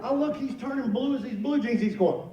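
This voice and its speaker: A middle-aged man telling a comic story to an audience, animated and folksy, acting out exclamations and sound effects. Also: very high-pitched, a little fast, lo-fi sound, crowd noise. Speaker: luncheon guest speaker. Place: large event room at a lunch. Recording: echoey hall from far off, room noise.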